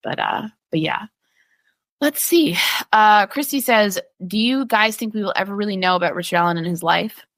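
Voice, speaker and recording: A woman's voice: medium pitch, a little fast, hardly any pauses, fairly bright tone, dry recording. A woman co-hosting a podcast, chatting casually and reading out listener questions, with frequent restarts and fillers. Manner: chatty, many restarts and fillers, laughs easily. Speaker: podcast co-host.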